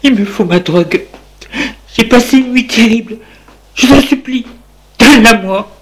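A man voicing a desperate young wife craving her drug, pleading in a raised, shrill voice. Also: measured pace.

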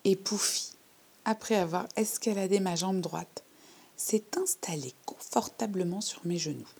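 A woman voicing a shy, overly polite little girl who tells her own story in a hushed, timid way. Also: mid-range voice, measured pace, vocal fry, husky. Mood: earnest. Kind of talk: storybook reading.

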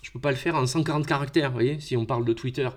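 A man's voice: mid-range voice, fast. A middle-aged French man hosting an improvised solo podcast, thinking aloud with many fillers and repeated words. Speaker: podcast host.

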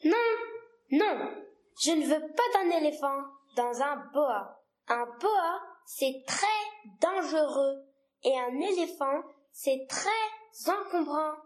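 Girl doing a little boy prince, earnest and pushy, real high voice, storybook read-aloud. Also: expressive, slow pace. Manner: earnest, insistent, childlike questioning. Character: small curious insistent boy prince.

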